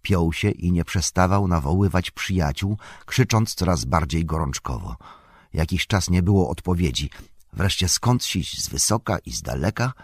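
A man reading a fantasy novel aloud as an audiobook narrator, in measured, expressive storytelling. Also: low voice, breathy edge, dry recording, clean studio sound.

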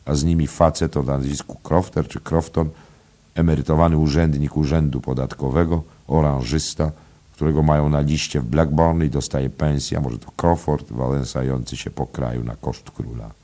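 Very deep-voiced male audiobook narrator. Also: steady tone, normal speed, mellow.

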